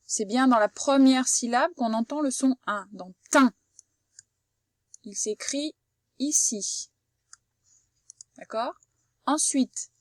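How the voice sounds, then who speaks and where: A woman teaches a child to read. She speaks slowly and patiently, sounding out each word with care, in a slightly high voice. The recording is dry and close, with no room sound. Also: no room sound. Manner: slow, patient, carefully articulated explanation. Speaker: primary school teacher. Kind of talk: phonics lesson for children.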